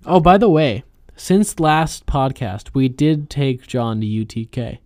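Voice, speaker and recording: A man's voice: mid-range voice, lively intonation, darkish tone, dry recording, studio quality. A young man co-hosting a casual podcast with a friend, joking and teasing as he chats. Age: young adult. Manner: joking, rambling, quick to tease. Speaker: podcast co-host. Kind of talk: casual chat between friends.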